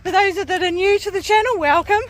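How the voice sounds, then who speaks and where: Speaking in an extremely high pitch and fairly quickly, a forty-something woman from New Zealand vlogs her coastal hike in a chatty way. She laughs a lot and sounds breathy from climbing stairs.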